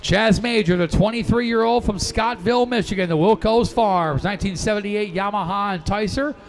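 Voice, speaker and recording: A man's voice: high voice, normal speed. A man working as a race announcer, giving live motorsport commentary in a proclaiming track announcer's delivery. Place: broadcast booth at a racetrack. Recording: background noise at outdoor race.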